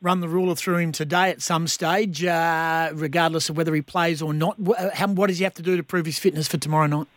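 A blokey Australian man interviews on sports radio. His voice sits high for a man and sounds dry, with no room around it. He talks colloquially and matily. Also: steady tone, quick pace, few pauses, dry recording.

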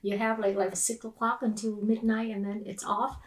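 A middle-aged woman from Vietnam, a guest on a family podcast, recalling her childhood in a halting way with fillers and restarts. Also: fairly high pitch, level tone, distant mic, poor audio. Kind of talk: casual family interview.

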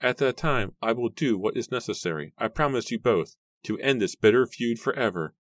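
A man's voice: medium pitch, expressive, moderate pace, no echo, clean studio sound, voice pushed up, natural voice. A man voicing an aging, guilt-ridden father who chokes up and cries out. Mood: grave. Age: older. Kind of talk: audiobook character voice.

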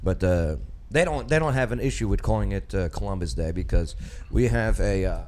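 A man's voice: on the low side, brisk, a little mellow. A man with a New York accent hosting casual talk radio, rambling with lots of fillers and restarts. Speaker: radio show host.

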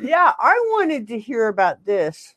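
Teasing woman with a lively voice. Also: on the high side, a little slow, crowd noise. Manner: teasing, playful banter. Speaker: livestream co-host. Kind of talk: casual live-stream chat.

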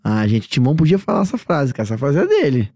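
A man hosts a casual podcast game, teasing his co-hosts in playful banter. His pitch swings widely while his tone stays mellow and dark, and the sound is dry and close. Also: huge pitch swings, fast, no room sound. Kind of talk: casual chat during a movie-quote guessing game.

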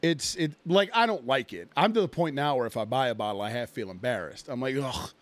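A man's voice: medium pitch, sing-song, quick pace, dry recording. Rambling, profane podcast guy. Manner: rambling, profane, many fillers. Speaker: podcast co-host. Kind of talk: casual chat.

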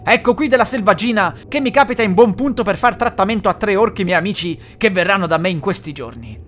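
A narrator voicing a cruel, hungry male ogre who talks in loud, growling threats. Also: medium pitch, lively intonation, a little fast, faint music behind, close to an everyday voice. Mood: furious.

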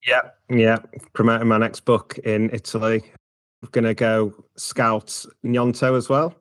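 A man's voice: medium pitch, little pitch movement, a little slow, fairly bright tone, no room sound. A man in his late thirties from England, chatting loosely about football on a podcast with lots of filler phrases. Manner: rambling, many filler phrases. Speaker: podcast co-host, football fan. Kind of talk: casual football podcast chat.

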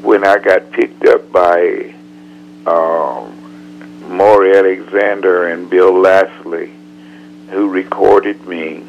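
An older man, a veteran musician, telling stories slowly in an interview and clearing his throat. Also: low-pitched, lo-fi sound, slight background noise. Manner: slow, throat-clearing storyteller. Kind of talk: storytelling in an interview.

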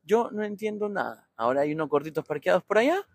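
His voice sits high and sing-song, and he talks fast; the recording is dry with clean studio sound. He's a thirty-something podcast host with a Honduran Spanish accent, nervously narrating his thoughts while waiting in line in his car.

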